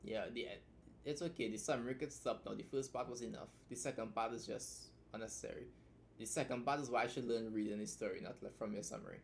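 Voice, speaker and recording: A man at an ordinary middle pitch gives a live-stream writing critique, blunt and full of swearing. He rambles and restarts his sentences as he reacts. Faint keyboard typing sits behind his voice. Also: fast, creaky, slight background noise. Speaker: streamer critiquing a writer's story.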